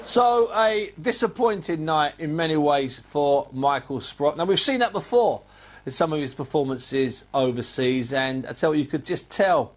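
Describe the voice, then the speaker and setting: A man with a fairly high voice presents a post-fight boxing analysis. He talks in a lively, chatty way with his co-host. The delivery is clear and unhurried. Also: slight background noise.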